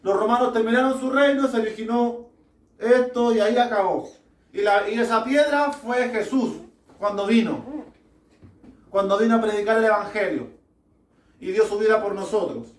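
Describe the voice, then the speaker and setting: Man preaching, high-pitched, slow deliberate delivery, rhetorical questions, roomy echo, distant mic. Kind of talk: sermon. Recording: echoey room, mic far off.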